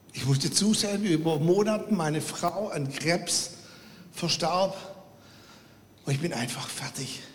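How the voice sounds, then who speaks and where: A man voicing a grieving, exhausted widowed father, speaking low and subdued. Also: in a large hall, natural voice. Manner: subdued, quiet and worn out.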